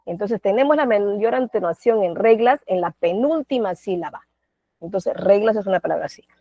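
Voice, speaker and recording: Here a Peruvian teacher runs an online class at a moderate pace, her mid-range voice full of lively intonation. Patient throughout, she keeps asking her students questions and slipping in tag questions, in a Peruvian Spanish accent. There's no room sound; the audio is dry and phone-like.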